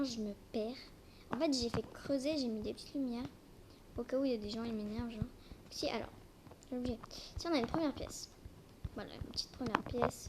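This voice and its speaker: A young female with a fairly high voice talks through braces, which slightly blur her articulation. She presents gameplay in a casual, halting way, over a clearly noisy homemade recording with clicks. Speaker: amateur video creator.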